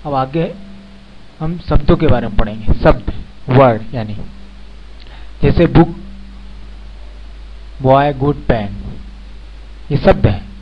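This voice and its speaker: A man with a medium-pitched voice teaches beginner English grammar in a slow spoken lesson, moving slowly and pausing often. He explains every point step by step and repeats example words. The recording is lo-fi and dull, with faint noise behind him.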